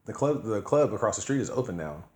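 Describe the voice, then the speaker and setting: A man in his thirties co-hosting a podcast, telling a story in casual, profane chat and acting out the people he quotes in loud bursts. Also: fairly low pitch, fast, echoey room. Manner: profane, animated, acts out quoted voices loudly. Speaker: podcast co-host.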